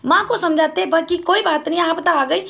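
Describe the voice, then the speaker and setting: A woman's voice: very high voice, moderate pace, creaky, a bit bright. A young woman vlogger giving an impassioned personal account, speaking accusingly and directly to family members. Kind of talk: emotional personal account to camera.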